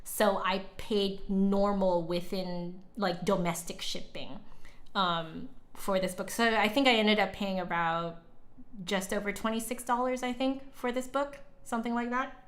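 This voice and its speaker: A woman hosts a casual livestream in a mid-range voice, her tone steady and her pace measured. She chats with viewers in a rambling, giggly way, wandering off into asides as she talks.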